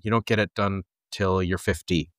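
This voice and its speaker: Man, 40s, lower pitch, dry teasing humor, relaxed podcast chat, dry close sound. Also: normal speed, dry recording. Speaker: podcast co-host. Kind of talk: casual chat.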